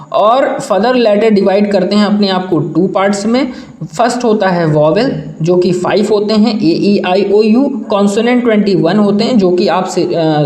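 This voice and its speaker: A man's voice: sits high, a little mellow. A man with an Indian accent teaching English grammar, asking questions and answering them himself, often saying "theek hai" as he checks in. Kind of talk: classroom explanation. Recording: echoey room.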